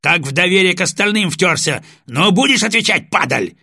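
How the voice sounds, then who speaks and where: A man's voice: medium pitch, measured pace, a bit bright, breathy edge. A man voicing a brutal, coarse army sergeant who threatens and curses. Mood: menacing.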